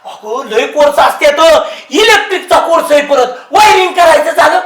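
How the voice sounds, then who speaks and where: A man's voice: extremely high pitch, lively intonation, moderate pace, a bit bright. An older man in a scripted comedy sketch, fussing, scolding and coaxing a younger relative. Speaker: elder relative. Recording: roomy echo.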